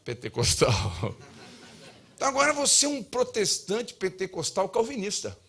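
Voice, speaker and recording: A man's voice: very high-pitched, expressive, a little fast, bright, forceful tone. A man preaching a sermon as pastor, emphatic and humorous. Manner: humorous, acts out dialogues. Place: church.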